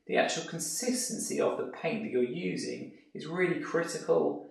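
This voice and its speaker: A man's voice: on the high side, creaky, recorded from a distance. Man teaching painting, echoey room. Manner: relaxed, explanatory, thinking aloud while painting. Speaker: art tutor. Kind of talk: painting tutorial voice-over.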